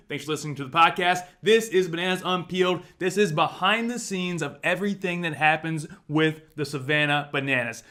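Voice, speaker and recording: A man co-hosting a casual podcast, talking in an energetic, upbeat and rambling way. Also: on the high side. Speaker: podcast co-host.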